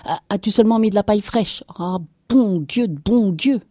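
A woman reader voicing a quick-tempered peasant farmwife who scolds loudly in rough country speech. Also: mid-range voice, dry recording, clean studio sound, voice pushed up, natural voice. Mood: scolding. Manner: loud rustic scolding.

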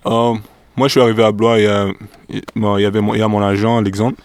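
A man's voice: fairly low pitch, flat delivery, fast talker, clear, resonant tone, dry recording. A young man from DR Congo, a professional basketball player answering interview questions hesitantly and searching for words.

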